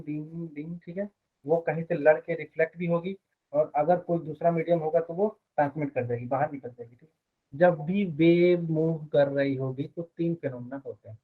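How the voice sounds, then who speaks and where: Male physics teacher, slightly high voice, thin phone-like sound, asks a lot of questions. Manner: explains step by step, quizzes students with quick questions. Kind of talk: live online class.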